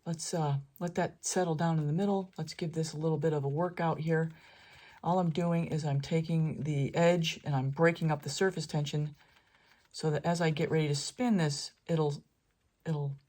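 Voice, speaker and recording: A woman hosts an art tutorial, chatting and thinking aloud as she works, occasionally dropping to a whisper in her casual narration. Her voice is deep and a little mellow.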